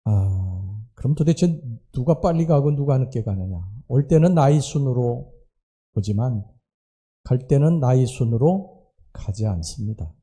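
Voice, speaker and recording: A male pastor giving a Sunday sermon in a church, speaking slowly and earnestly with pauses and hesitations. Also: medium pitch, lively intonation, dark tone, slightly rough. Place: church sanctuary.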